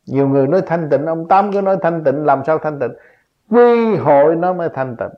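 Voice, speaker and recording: A man's voice: on the high side, animated, a little fast. A man giving a spontaneous religious teaching, emphatic and full of rhetorical questions, his voice jumping up on key points. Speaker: spiritual teacher. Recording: dull lo-fi recording.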